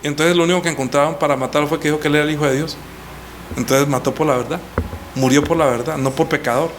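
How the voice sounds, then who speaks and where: A pastor teaches a baptism class in a lively, animated way, reading scripture and acting out quoted speakers. His voice sits fairly high for a man. A faint hum of the room is heard behind him. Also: quick pace. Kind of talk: teaching sermon.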